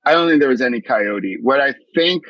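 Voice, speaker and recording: Here a mindfulness coach and podcast guest, a middle-aged man from the US East Coast, shares his story in an interview, earnest and reflective, with frequent sentence restarts. His medium-pitched voice is animated and a little fast. There's no echo, but the highs are cut off.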